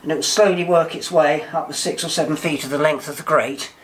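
Fairly high-pitched, steady, a bit bright and a little fast, an older man's voice explains what he's doing as he works. He's a volunteer engineer in a steam tug's engine room, chatty and practical, captured in a noisy indoor recording.

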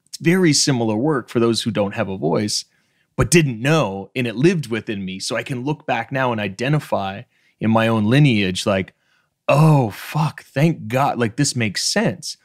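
In a home room with bookshelves, a thirty-something podcast host from the Maritimes of Canada interviews a guest over video call, swearing freely and speaking frankly with emphasis. His medium-pitched voice is animated at a normal speed, and the stand-mounted studio mic gives clean, dry sound.

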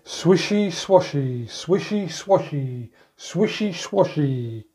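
A middle-aged man in a grandad role reads a picture book aloud to small children, unhurried and fairly high-pitched. He's expressive, using playful sound words and drawn-out phrases. It's a bedtime read-aloud in a room at home, by a door.

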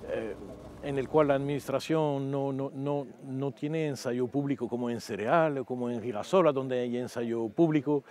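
A man's voice: mid-range voice, dark tone. A middle-aged man, an event organizer, explaining hesitantly in an outdoor field interview.

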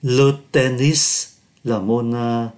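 Man teaching French words slowly. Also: mid-range voice, fairly even intonation, darkish tone. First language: Vietnamese. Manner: says French words slowly, then explains them. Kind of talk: explaining vocabulary and pronunciation.

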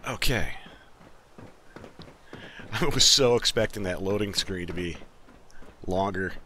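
A man's voice: low voice, takes it slowly, pushed and bright, a little hiss or hum. A man hosting a let's play with a slight cold, rambling and joking casually while he plays. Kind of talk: casual gameplay commentary.

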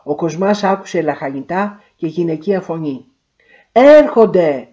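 Woman reading a story, mellow tone. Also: lowish voice, highs cut off.

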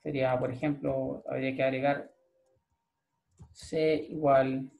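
A man's voice: mid-range voice, level tone, measured pace, creaky, a little mellow, muffled recording. A male programming lecturer with a Chilean accent, explaining step by step and checking in with a frequent "¿ya?". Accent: Chilean Spanish. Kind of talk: recorded screen-share class.

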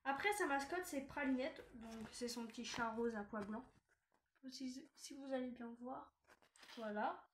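A woman's voice: high-pitched, measured pace. A woman chatting casually through a review of a collectible doll magazine, hesitant with many fillers and restarts. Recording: echoey room, faint noise.

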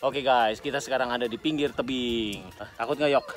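A man's voice: medium pitch, a little fast, music in the background. Chatty Indonesian man vlogging outdoors. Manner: chatty, relaxed, informal slang. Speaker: vlogger host. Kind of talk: casual travel vlog. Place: outdoors by a dry riverbed in bushland. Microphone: phone at arm's length.

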